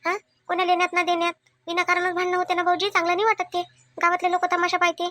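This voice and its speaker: A woman's voice: very high voice, monotone, very fast, sharp tone, no room sound, soft background music. Woman voicing a meek, wronged village aunt. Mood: hurt. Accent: Vidarbha Marathi. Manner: pleading, self-defending. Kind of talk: cartoon family comedy.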